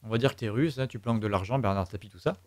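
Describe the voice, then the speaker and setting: A man with a French accent does live let's play commentary, muttering to himself and his chat as he thinks aloud through a puzzle. His voice is fairly low, darkish and racing, with no echo.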